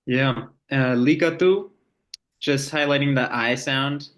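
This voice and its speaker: Male co-host, slow and easygoing, plenty of ums. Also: medium pitch, a bit bright. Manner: unhurried, hesitant, many fillers. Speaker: language teacher. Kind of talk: casual lesson.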